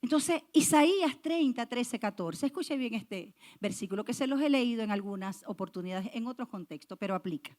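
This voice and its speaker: Female pastor, emphatic sermon delivery, higher voice, repeats and stresses phrases, addresses the congregation. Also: animated, moderate pace, few pauses, darkish tone. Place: church.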